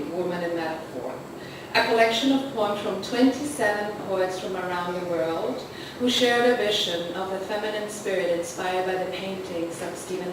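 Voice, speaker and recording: Woman host in an echoey hall. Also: medium pitch. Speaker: host and anthology editor. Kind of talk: introducing a poetry reading. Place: literary arts center event hall. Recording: roomy, distant, noisy hall recording.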